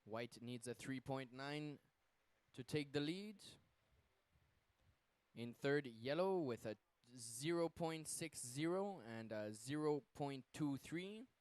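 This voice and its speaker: A man announcing a surf contest live, calling the action and scores in a laid-back, measured manner. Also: a little high, expressive, darkish tone, clean tone, no echo. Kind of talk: live competition commentary and announcements.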